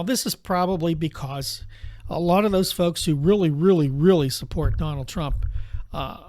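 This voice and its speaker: A man's voice: fairly high pitch, no room sound, clean studio sound. A man giving a casual, sarcastic political monologue, wandering off topic and talking straight to his viewers. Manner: sarcastic, digressive, conversational. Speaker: political commentator.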